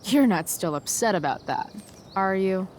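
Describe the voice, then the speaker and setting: A woman's voice: medium pitch, lively intonation, measured pace, a little mellow, a little hiss or hum, natural voice. A woman acting a sarcastic, rebellious teenage punk girl in a video game, with dry, slangy delivery. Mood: dry, sardonic. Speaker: game character, rebellious student.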